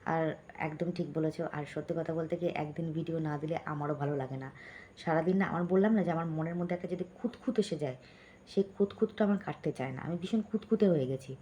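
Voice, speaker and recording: A woman vlogger speaking softly right up close to her phone late at night at home, chatting with viewers and reading out their comments. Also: low-pitched, fast talker, highs cut off, a little hiss or hum. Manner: chatty, keeps checking in with listeners. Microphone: phone held close.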